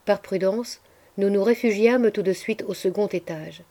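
A woman with a medium-pitched voice narrates a literary audiobook, measured and expressive in her storytelling. Faint music sits in the background.

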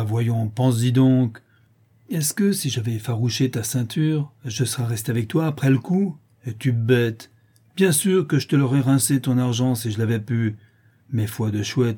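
A man's voice: mid-range voice, warm tone, breathy edge, natural voice. A man reading aloud and voicing a spiteful, mocking one-eyed old woman crook. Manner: mocking, wheedling, sneering.

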